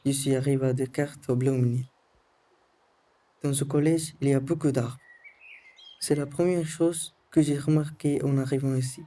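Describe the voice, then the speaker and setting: Teen boy narrator, scripted voice-over, steady monotone delivery, mellow and very dark. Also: medium pitch. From Sri Lanka. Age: teens. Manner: calm, careful reading, short phrases. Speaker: student narrator of a school film.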